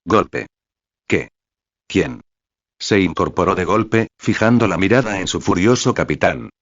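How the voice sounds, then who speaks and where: A man's voice, synthetic-sounding, reads a fan fiction audiobook in an even, flat way. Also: deep voice, moderate pace, no room sound. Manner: even, flat reading that spells out web addresses. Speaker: narrator. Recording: dry, slightly dull lo-fi sound.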